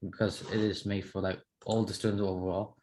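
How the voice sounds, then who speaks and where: Young man, Burmese accent, lower register, informal chatty student. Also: flat delivery, brisk, darkish tone. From Myanmar. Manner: chatty, informal, frequent "like" and repeated words. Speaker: English student. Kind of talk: casual class discussion.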